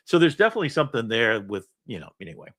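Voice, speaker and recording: Talking very fast in a medium-pitched voice, this middle-aged host spins meandering stories in a relaxed conversation. His storytelling is lively, and he laughs a lot.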